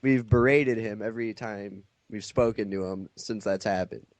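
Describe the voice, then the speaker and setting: A man's voice: fairly low pitch, fairly even intonation, normal speed, darkish tone, no room sound. A man co-hosting a podcast, animatedly retelling a story and acting out the quotes. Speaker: podcast co-host. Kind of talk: casual storytelling.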